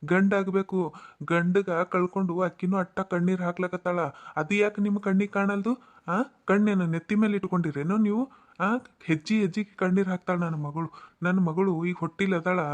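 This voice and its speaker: A man voices a stern middle-aged father in a cartoon, lecturing reproachfully with a North Karnataka Kannada accent. His voice sits high for a man, with a firm, scolding push. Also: natural voice. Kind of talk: cartoon voice acting.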